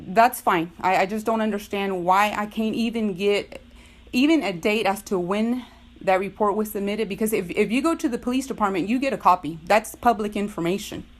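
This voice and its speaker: During a tense phone dispute, a middle-aged woman of ordinary pitch complains as a parent. She stays firm and insistent, repeatedly circling back to the same point.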